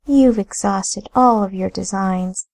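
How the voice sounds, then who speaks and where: A woman voices a poised, scheming wife and sister who is grave and composed, speaking in a lilting, formal, cool manner. Her voice is medium-pitched, slow, and darkish in tone.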